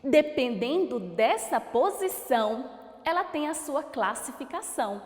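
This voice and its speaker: A woman teacher giving a recorded school lesson, stretching out example words in a sing-song way to show their stress. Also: high voice. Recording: echoey room with long reverb.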